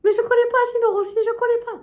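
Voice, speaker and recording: A woman voicing a sweet, chirpy young female cashier who insists in a high, squeaky voice. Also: flat delivery, racing. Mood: puzzled.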